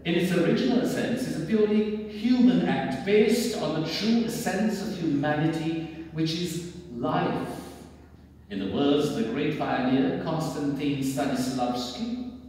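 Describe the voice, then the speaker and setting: An older man with a fairly high, slightly mellow voice reads a formal message aloud on an indoor theatre stage, delivering it in an oratorical, declamatory, theatrical and emphatic style. A far camera in the audience captures it, so the hall sounds very echoey, with a distant mic and faint noise.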